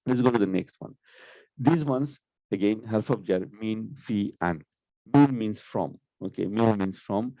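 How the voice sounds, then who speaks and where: Low dark-voiced man teaching Arabic grammar. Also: measured pace, dry recording. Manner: explanatory, repeats "okay" often. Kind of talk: online class lecture.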